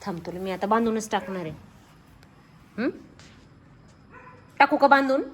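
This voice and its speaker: A woman vlogger at home, scolding and asking the same sharp question again and again. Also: on the high side, expressive, normal speed, slight background noise. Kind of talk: casual home video.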